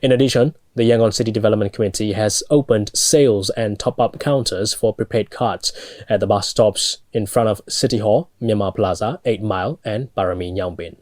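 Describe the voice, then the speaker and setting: A man's voice: fairly low pitch, a little fast, a little mellow, dry recording. A young man with a Burmese accent reading scripted news as a studio anchor. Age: young adult.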